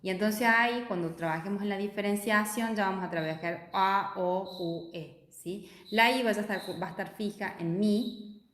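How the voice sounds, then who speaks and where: A woman teacher lays out a lesson in a steady, explaining way and checks in with her listeners often. Her voice has an everyday middle pitch, and the recording carries a noticeable room echo. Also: moderate pace. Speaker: teacher in an instructional video. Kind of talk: instructional explanation.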